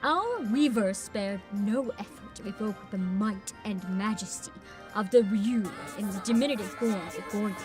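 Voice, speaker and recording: A woman's voice: medium pitch, normal speed, over music, voice pushed down, natural voice. A woman voicing a proud female delegation leader from a fantasy game, theatrical and effusive, with old-fashioned formal wording. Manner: theatrical, effusive, archaic phrasing. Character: grand, proud female festival leader presenting her mascot.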